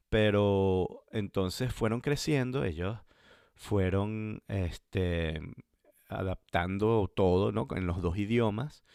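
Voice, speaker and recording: Deep gravelly man, dry sound. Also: a little mellow, no echo. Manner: thoughtful, explaining, often pauses on fillers. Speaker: expat father sharing his experience. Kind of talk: casual conversational storytelling.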